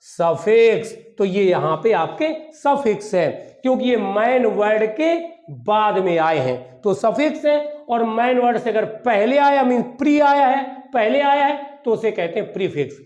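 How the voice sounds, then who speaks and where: A male teacher gives a grammar lesson, repeating key points and posing questions he then answers himself. His high voice is animated and a little mellow, at a measured pace. The room is echoey.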